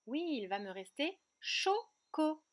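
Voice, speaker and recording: A woman teaching a remote kindergarten lesson, speaking slowly and clearly and breaking words into syllables. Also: a little high, expressive. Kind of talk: remote lesson for young children. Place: outdoor terrace at night.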